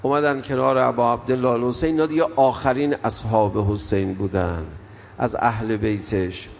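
Older male preacher, gravelly voice, emotional mourning sermon, long hall reverb. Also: medium pitch, fairly even intonation. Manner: storytelling, swells and drops in intensity. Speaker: preacher reciting mourning elegy. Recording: long hall reverb, faint background noise.

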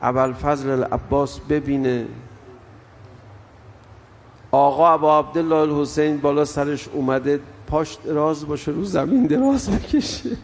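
Gravelly older man preaching in a hall. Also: on the high side. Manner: storytelling, swells and drops in intensity. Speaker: preacher reciting mourning elegy. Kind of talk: emotional mourning sermon. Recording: long hall reverb, faint background noise.

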